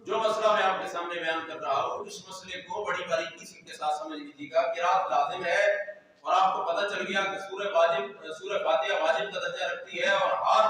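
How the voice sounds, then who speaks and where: A man giving a sermon as an Islamic scholar, emphatic, at times shouting or drawing phrases out in a sung way. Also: sits high. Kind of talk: sermon on prayer rules. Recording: echoey hall from far off.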